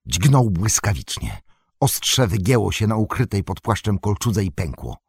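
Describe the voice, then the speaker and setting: Slow, gravelly deep-voiced male narrator. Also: very animated, a little mellow, no echo, clean studio sound. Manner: measured, dramatic storytelling. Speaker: audiobook narrator. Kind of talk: scripted narration of a fantasy novel.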